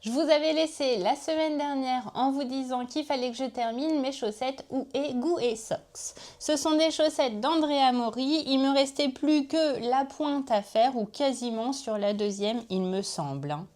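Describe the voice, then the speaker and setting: A woman's voice: high-pitched, measured pace, hardly any pauses, a little mellow. A woman hosting a knitting podcast, talking casually and chattily to her viewers, often laughing at herself. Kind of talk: casual chat to camera.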